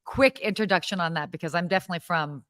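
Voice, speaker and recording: An American woman in her thirties co-hosts a live hospitality podcast, chatting casually in a bubbly way full of fillers and restarts. She talks fast with a fairly low, fairly bright voice. The recording is dry and studio quality.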